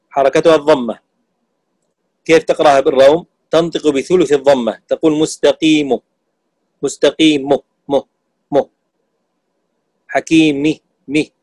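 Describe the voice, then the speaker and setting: A man teaching Quran recitation rules to students, explaining terms and slowly demonstrating how sounds are pronounced. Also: fairly high pitch, a little mellow, no room sound, rough recording. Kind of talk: classroom lesson on tajweed.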